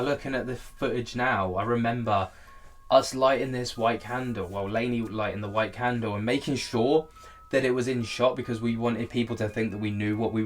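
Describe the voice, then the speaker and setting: A man giving casual, candid commentary as he looks back on his own video, poking fun at himself. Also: mid-range voice. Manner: self-deprecating, candid.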